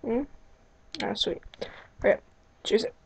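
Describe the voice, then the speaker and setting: A woman's voice: a little slow, poor audio. A young woman casually commenting on her gameplay, rambling with exclamations and muttered asides at her computer mic. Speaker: let's play host.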